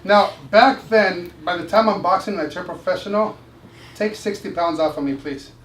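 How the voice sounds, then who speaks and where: A man with a fairly high voice tells stories to a small live group, animated and quick to laugh. He repeats himself for emphasis as he goes. He sounds far from the mic in an echoey room with steady noise behind. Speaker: motivational speaker and former boxer. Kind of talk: storytelling talk to a small group. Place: indoor room with a live audience.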